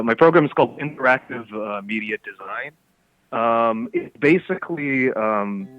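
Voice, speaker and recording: A man's voice: medium pitch, dull audio. A young man from Canada and Somalia, calling in and telling a rambling story in casual chat over the phone. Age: young adult. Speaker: caller.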